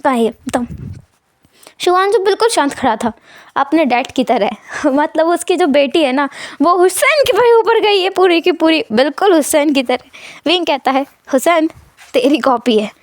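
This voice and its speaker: A woman retelling a fan fiction story in a lively storytelling manner. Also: very high voice, moderate pace, no echo.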